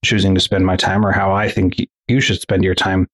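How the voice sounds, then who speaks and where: A man hosting an interview podcast, asking thoughtful, measured questions and sharing about his own family. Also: low voice, level tone, fairly bright tone. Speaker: podcast host. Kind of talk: conversational interview.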